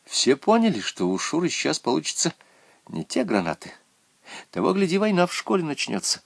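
A man reading a children's story aloud in an animated, expressive way. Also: fairly high pitch, a little fast, gravelly, husky, dry recording.

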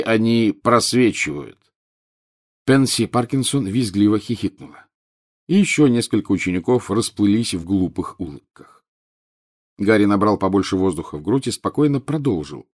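A man narrating an audiobook in an expressive, measured reading. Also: fairly low pitch. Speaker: audiobook reader. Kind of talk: scripted narration.

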